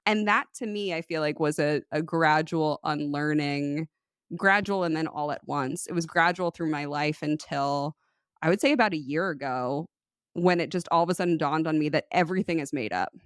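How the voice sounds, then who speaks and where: A woman co-hosting a podcast in casual conversation, an animated storyteller who laughs often. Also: deep voice, moderate pace, clear, resonant tone, dry recording, clean studio sound. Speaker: podcast co-host.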